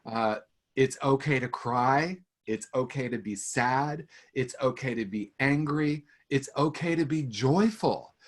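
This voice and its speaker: Casting: man, mid-pitched, webinar panelist, earnest and reassuring. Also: measured pace. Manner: earnest, gently encouraging.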